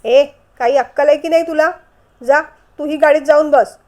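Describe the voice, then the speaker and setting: A woman doing a stubborn, gruff older man. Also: high-pitched, steady tone, normal speed, dull audio, lightly acted. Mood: irritated. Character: stubborn irritable older man, a proud father.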